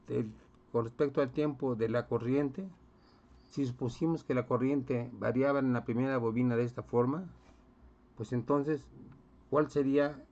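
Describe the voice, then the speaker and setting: With a mid-range, darkish voice, a man teaches physics to his class one step at a time, often stopping to check on the students and test them. The audio is muffled and dull.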